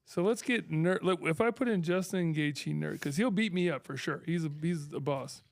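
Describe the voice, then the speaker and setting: A man hosting a casual group chat, excitable and laughing often as they watch videos together. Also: on the high side, moderate pace, creaky, no echo, studio quality. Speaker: podcast host.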